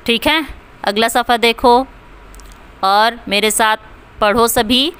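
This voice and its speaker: A woman's voice: a little high, slow pace, fairly bright tone, smooth. A woman teacher leading a reading lesson, sounding out words letter by letter and repeating each one for her pupils. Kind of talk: slow classroom reading lesson.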